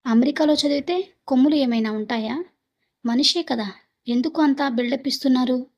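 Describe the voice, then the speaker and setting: A woman's voice: sits high, brisk, darkish tone. A woman voicing a fiery, outspoken young woman doctor who scolds indignantly in a storybook reading. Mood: scornful.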